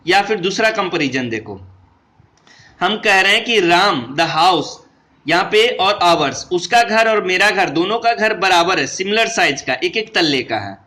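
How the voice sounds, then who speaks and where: A man's voice: sits high, expressive, measured pace, bright, forceful tone. A male English teacher with an Indian accent who explains grammar step by step in an online revision class, mixing Hindi and English and often checking with "right?". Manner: switches between Hindi and English while teaching.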